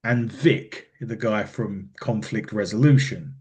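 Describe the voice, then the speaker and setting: A man co-hosting a podcast in casual chat about wrestling, rambling and animated, often laughing and restarting sentences. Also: lowish voice, takes it slowly. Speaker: podcast co-host.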